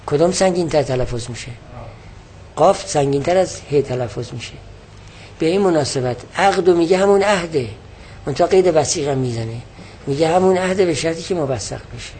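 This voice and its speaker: A man with a fairly high voice teaches a religious text in a classroom lecture. He speaks patiently and explains each term step by step, often repeating his definitions. A faint hum of room noise sits behind him. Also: darkish tone.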